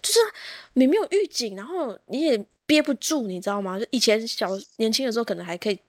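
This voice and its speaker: A woman telling a story in casual chat, animated, laughing often and acting out what people said. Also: a little high, fast, no room sound, studio quality. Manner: animated, laughs often, acts out quoted speech.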